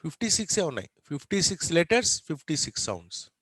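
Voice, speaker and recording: A man's voice: a little high, very animated, a little fast, a bit bright, breathy edge, no echo. A man with a Telugu accent lecturing an online class, mixing Telugu and English, questioning students and spelling words out letter by letter.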